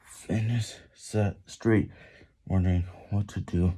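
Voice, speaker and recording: A man's deep, husky voice, straining through push-ups while reading aloud. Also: fairly even intonation, slow, dark tone. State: exerting himself, sighing between phrases.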